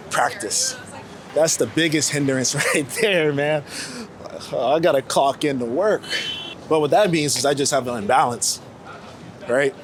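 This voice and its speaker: Out on a New York City street, faint traffic and urban sounds fill the background as a man with a mid-range voice is interviewed on a walk. In his late twenties and working as a street photographer, he rambles casually and reflectively, using plenty of slang.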